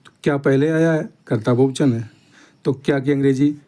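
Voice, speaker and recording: Steady and warm, this man's mid-range voice guides a step-by-step grammar lesson. His manner is slow and repetitive, with many "theek hai" check-ins with the class.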